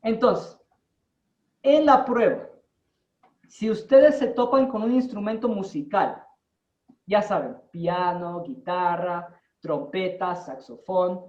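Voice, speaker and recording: A man teaching an English class in Spanish, explaining slowly and deliberately and checking in with his students. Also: high-pitched, a little mellow. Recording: distant, roomy, dull-sounding.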